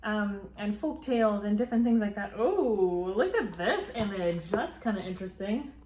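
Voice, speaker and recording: A woman's voice: medium pitch, lively intonation, normal speed, dark tone, slight background noise. Woman chatting in an echoey phone video. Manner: chatty and rambling, with frequent ums and likes. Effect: filmed as a phone video. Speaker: book vlogger. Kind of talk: casual book haul chat. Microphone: phone camera. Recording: roomy phone recording, faint ambience.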